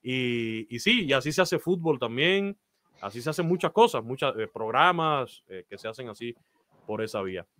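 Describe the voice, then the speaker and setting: As an interview guest on a video call, a Cuban man in his thirties who announces baseball shares his career story and advice earnestly, often filling pauses with "eh" in his Cuban Spanish accent. His medium-pitched voice is fairly bright with lively intonation at a moderate pace, and the small indoor room gives no echo.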